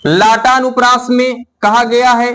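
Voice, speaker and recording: A middle-aged man teaching a classroom lesson, explaining slowly and dictating notes for students to write down. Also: very high voice, little pitch movement, bright, forceful tone, low-quality recording. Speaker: Hindi teacher. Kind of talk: classroom lecture.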